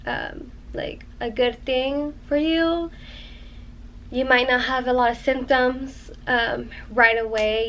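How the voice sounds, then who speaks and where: Chatty young woman vlogger, slightly high voice. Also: fairly bright tone, slight background noise, poor audio. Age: 20s. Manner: rambling, many "um" and "like". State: pregnant. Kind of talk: casual chat to camera.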